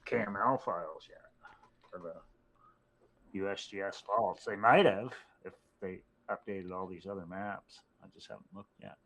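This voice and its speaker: A man with a lowish voice and a bright, pushing edge joins a casual chat. He talks freely and lets his sentences fade out toward the end. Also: normal speed, rough recording.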